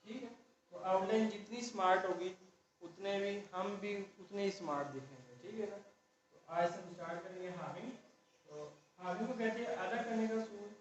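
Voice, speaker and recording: A man teaching a shorthand class, explaining step by step and often checking in with the students. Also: sits high. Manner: slow, explaining step by step, repeating "ठीक है" often. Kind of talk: classroom lesson. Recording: dull far-off echoey room recording with faint noise.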